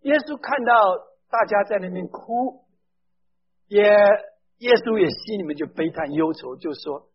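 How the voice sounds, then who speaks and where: A male preacher delivering a sermon with a strikingly high, husky voice. He talks with emphasis, keeps turning to his listeners with direct questions and slips English phrases into his speech. The recording sounds dull and lo-fi. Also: unhurried.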